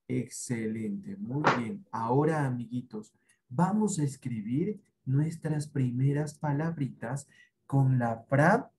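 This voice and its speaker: Ecuadorian male primary teacher, online class for kids; slow, encouraging, repetitive. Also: medium pitch, darkish tone, slight background noise. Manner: patient, encouraging, repeats syllables slowly. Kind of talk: online class for young children.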